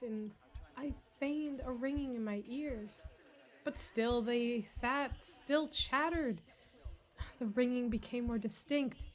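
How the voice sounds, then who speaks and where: A woman's voice: on the high side, lightly acted. A woman playing a guilt-crazed murderer in a hammy, theatrical stage reading of a gothic horror story. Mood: uneasy, restrained. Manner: hammy, theatrical stage delivery with drawn-out emphasis. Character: guilt-crazed murderer narrator, increasingly frantic, horror monologue.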